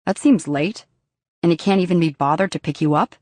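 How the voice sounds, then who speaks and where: A woman voicing a protective, blunt young man in an audiobook, speaking quietly and low. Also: fairly quick, no echo, lightly acted. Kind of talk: audiobook character dialogue.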